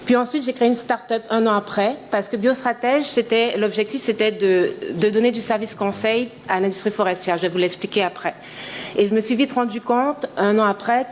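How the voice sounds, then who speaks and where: A woman in her thirties from French Guiana gives a conference talk as an entrepreneur. She speaks earnestly and with enthusiasm, her medium pitch broken by frequent hesitations. A faint hiss of noise sits under her voice. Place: conference hall.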